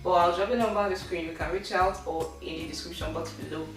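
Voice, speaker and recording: A woman's voice: on the low side, steady tone, fast. A woman with a Nigerian accent, hosting a casual interview for her channel and putting questions to a guest. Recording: very echoey room, distant mic, faint music.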